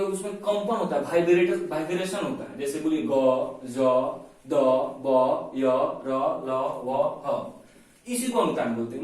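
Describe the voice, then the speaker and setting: A man teaching Hindi grammar in a lecture, forever adding "है ना" and slowing down to dictate notes. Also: sits high, darkish tone. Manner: repeats the tag "है ना" constantly, slows to dictate notes. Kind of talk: classroom lecture, explaining and dictating. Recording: very echoey room, from a distance, faint noise.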